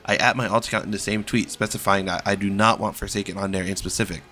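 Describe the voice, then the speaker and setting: A young man reading a somber scripted apology as an online creator, serious and measured, sometimes stumbling over his words. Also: fairly low pitch, fairly even intonation, sharp tone, faint music behind.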